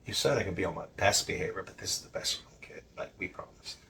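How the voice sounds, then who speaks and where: A man co-hosting a casual podcast, cracking crude jokes and laughing loudly. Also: sits low, fast talker, gravelly, a little hiss or hum. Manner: crude joker, loud laughs. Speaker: podcast co-host. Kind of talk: casual podcast reaction chat.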